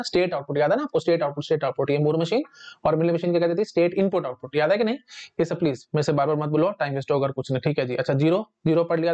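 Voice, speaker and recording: A man teaching a rushed revision lesson, asking questions and answering them himself, with filler like "ठीक है जी". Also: a little high, highs cut off. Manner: quick, repeats "ठीक है जी", asks and answers himself. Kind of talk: fast revision lecture.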